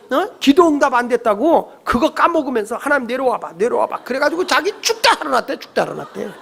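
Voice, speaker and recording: A male pastor preaching a sermon in a lively way, leading the congregation through scripture readings and acting out little quarrels in character voices. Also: sits high.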